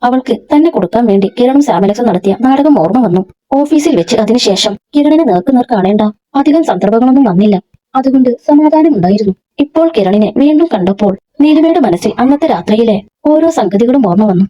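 A woman narrating a serialized story in a steady, even reading voice, in a dull lo-fi recording. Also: fairly high pitch, brisk.

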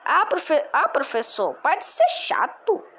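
A cheeky little schoolboy, as a woman puts him on, his voice squeaking high as he fibs and pleads. He drags his words out slowly. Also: wildly swooping pitch, a bit bright, a little hiss or hum, exaggerated voice. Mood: pleading. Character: cheeky schoolboy sneaking a phone in class.

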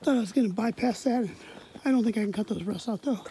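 A woman's voice: on the high side, fast, mellow, a little hiss or hum. A woman hosting a casual hiking vlog outdoors at a snowy winter campsite, chatty and upbeat. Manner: upbeat, chatty, laughs easily. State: a little out of breath at times. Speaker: vlogger, host of the hiking channel.

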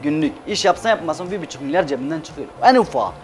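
On a TV kitchen set with background music, a Turkish chef from Adana, a man in his thirties who owns a restaurant, is interviewed as a guest. His voice is a little high, animated and quick, and he talks casually and forcefully, doubling up words for emphasis.

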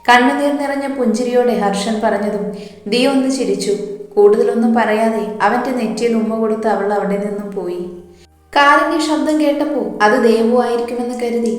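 A woman reading a romantic story aloud in a calm, even way. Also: on the high side, normal speed. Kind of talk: scripted narration. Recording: heavy echo, long reverb.

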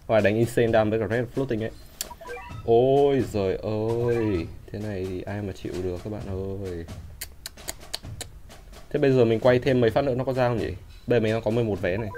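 A man hosting a gaming channel, chatting casually through his game pulls and bursting into loud, shouting surprise at good results. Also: lowish voice, slight background noise.

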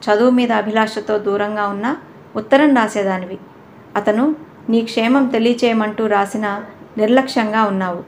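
A woman's voice: mid-range voice, moderate pace, slight background noise, close to an everyday voice. A woman reading an audio novel voices a frank young woman who lectures her friend bluntly. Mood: firm.

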